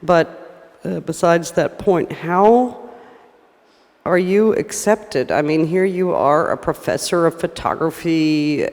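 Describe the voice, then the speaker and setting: A man with a fairly high voice moderates the question session after a lecture. He puts his question hesitantly, pausing on uhs while he searches for words. His voice rings with the long reverb of a large hall. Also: animated, a little mellow.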